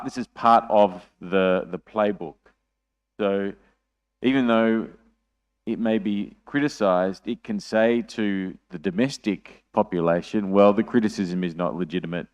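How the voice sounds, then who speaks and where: An Australian man speaking at an academic conference, thoughtful and hedging, often restarting and repeating words. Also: deep voice.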